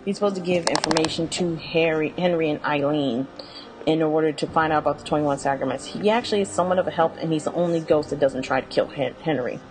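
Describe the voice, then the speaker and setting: A video game commentator, this woman runs casually through a game's characters, rambling with fillers and correcting herself along the way. Her low voice keeps a steady tone and moves fast, with background noise behind it.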